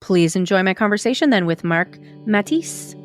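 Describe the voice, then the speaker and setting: A woman's voice: mid-range voice, animated, moderate pace. Woman podcast host, encouraging, laughs easily; faint guitar bed. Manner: warm, laughs often, encouraging. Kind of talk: interview hosting and ad read.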